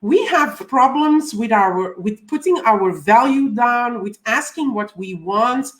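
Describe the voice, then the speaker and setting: A woman's voice: on the high side, lively intonation, slow pace. A woman from Belgium in her forties, a coach hosting a live stream, welcoming viewers over and over with frequent ums. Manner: warm repeated welcomes, frequent ums, reads viewer comments.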